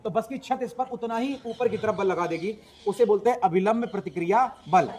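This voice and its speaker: A man's voice: high voice, a little fast. A man teaching a physics lesson. He asks his students questions, answers them himself, and stresses his points with energy. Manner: lively, emphatic explaining.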